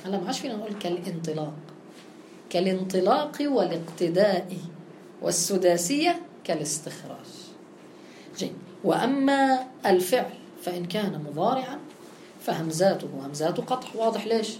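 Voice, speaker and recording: A woman teaching a grammar lesson. She keeps checking understanding with quick questions and affirmations. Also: medium pitch, animated, a little mellow, roomy sound, slight background noise.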